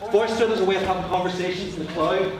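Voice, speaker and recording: Speaking rapid-fire in a high, steady voice, a Northern Irish man addresses fellow teachers in a short live presentation. He's casual, jokey and pokes fun at himself. Heard from afar in a big echoing lecture hall, the audio picks up audience noise.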